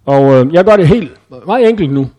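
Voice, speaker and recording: Man preaching, fairly high voice, mellow tone, informal, halting, corrects himself. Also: animated. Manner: informal, thinking aloud with many hesitations and self-corrections. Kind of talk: conversational Bible teaching.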